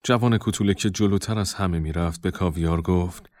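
A man reads a storybook in a very deep voice. His narration is calm and measured. The sound is dry and close. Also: no room sound.

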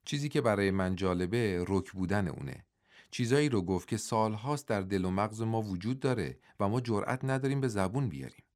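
Outspoken young son, blunt and challenging, voiced by the narrator. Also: male voice, fairly low pitch, lively intonation, darkish tone, natural voice.

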